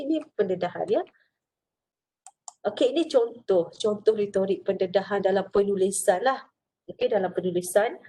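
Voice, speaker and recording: A woman's voice: mid-range voice, mellow. A woman with a Malaysian Malay accent giving a recorded lecture, explaining step by step with many fillers.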